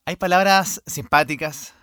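A man's voice: fairly high pitch, a little slow, sharp tone, a little hiss or hum. A man with a Chilean accent co-hosting a podcast, chatting casually and playfully with a theatrical host delivery.

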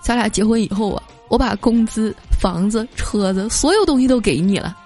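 A woman's voice: mid-range voice, expressive, normal speed, mellow, soft background music, lightly acted. A woman voicing a henpecked husband who whines and blusters. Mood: whiny. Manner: whining, fake tough.

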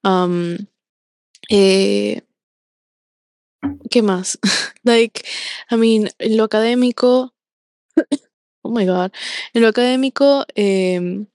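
A woman co-hosting a casual podcast, talking with many pauses and fillers and slipping into English phrases. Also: mid-range voice, a little mellow, no room sound, studio quality. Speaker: podcast co-host.

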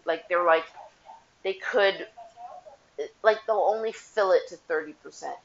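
A woman and mother ranting casually to camera, blunt and profane, rambling with lots of "like". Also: lowish voice. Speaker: vlogger, mother. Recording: dull lo-fi audio.

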